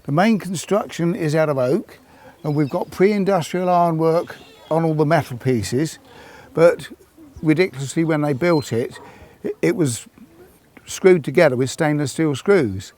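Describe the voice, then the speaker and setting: A man with a fairly high voice explains a working historic device, matter-of-fact and plain. He is talking with a presenter outdoors at a heritage site. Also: unhurried, darkish tone. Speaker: demonstrator at a heritage centre.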